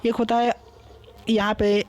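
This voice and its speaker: A man's voice: high voice, little pitch movement, a little slow, muffled recording. A young man teaching a lecture, explaining patiently, repeating terms and drawing out vowel sounds as examples. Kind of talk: classroom lecture.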